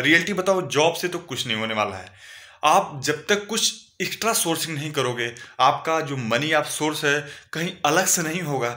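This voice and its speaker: A man speaks to his viewers in a casual vlog, offering earnest, advice-heavy encouragement. His voice is bright and forceful, with a ringing edge. The room around him is echoey. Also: mid-range voice. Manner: earnest, advising, addresses viewers as friends. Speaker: vlogger. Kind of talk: casual motivational vlog talk.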